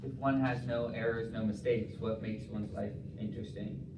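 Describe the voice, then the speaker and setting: A man's voice: fairly low pitch, steady tone, normal speed. A young man defending his thesis, answering examiners' questions in a hesitant, hedging way as he rephrases his points. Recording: echoey room, distant mic, clear noise.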